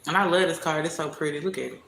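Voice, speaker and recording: A man's voice: on the high side, fast, gravelly, fairly bright tone, reverberant, a little hiss or hum, low-quality recording. A man giving a live tarot reading, talking in a blunt, emphatic, preachy way and swearing freely. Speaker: tarot reader streaming live.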